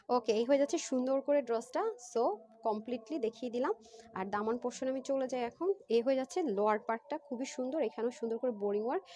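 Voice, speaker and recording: Woman doing a live clothes sale, talks super fast, kinda high voice, faint room hum. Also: a little mellow. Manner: chatty, persuasive, keeps asking "right?". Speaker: online clothing seller. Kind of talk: live-stream sales pitch.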